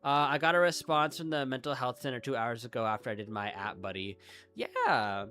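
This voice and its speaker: A young man from the Midwestern United States rambles through a casual live-stream chat, self-deprecating and constantly saying "like" among other fillers. His medium-pitched voice is brisk and sharp, with soft background music.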